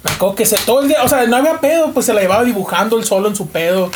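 A man's voice: high voice, rapid-fire, a little hiss or hum. A man with a Mexican accent telling anecdotes in casual, slangy and profane street talk as a podcast guest. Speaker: podcast co-host, returning guest.

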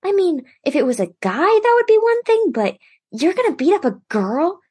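A woman putting on the voice of an earnest, gentle boy in armor who scolds his brother. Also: very high voice, sing-song, normal speed, pitched above the performer's own voice. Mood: incredulous.

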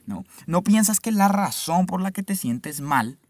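A man's voice: high-pitched, lively intonation, a little slow, dry recording. Swearing young guy musing aloud. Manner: swears freely, keeps asking "no?" of the listener. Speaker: vlogger. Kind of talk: casual reflective monologue.

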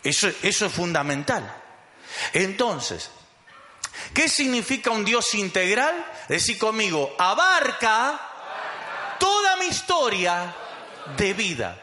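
A man's voice: sits high, big pitch swings, takes it slowly, pauses often, sharp tone, echoey room. A man preaching a sermon as pastor, emphatic and calling the congregation to repeat after him.

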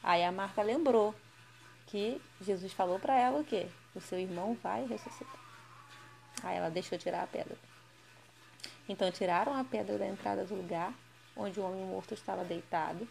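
A woman's voice: medium pitch, moderate pace, gravelly, a little mellow, a little hiss or hum. A woman reading a Bible passage aloud and commenting on it in a conversational, sometimes emphatic way, often ending phrases with a questioning tag. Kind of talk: scripture reading with casual commentary.

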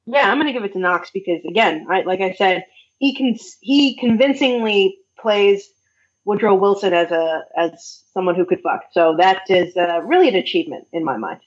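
A woman co-hosting a casual podcast chat, animated and quick to laugh. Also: mid-range voice, slightly rough. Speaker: podcast co-host. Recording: dull lo-fi sound.

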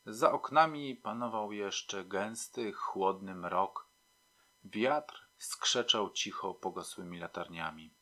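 A man narrating a somber audiobook story in a measured way. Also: fairly low pitch, bright, forceful tone.

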